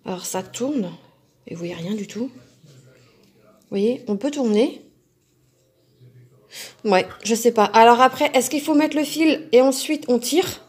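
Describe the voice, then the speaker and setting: A woman hosting a crafting channel, chatting casually as she unboxes products, musing aloud to herself with lots of fillers. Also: on the high side.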